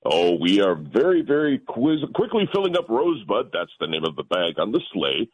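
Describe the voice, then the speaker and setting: A man playing a jolly old Santa Claus as a guest on a morning radio show, chuckling and fatherly as he gently scolds the children. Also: on the low side, wildly swooping pitch, normal speed, husky, full character voice. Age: older. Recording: phone line.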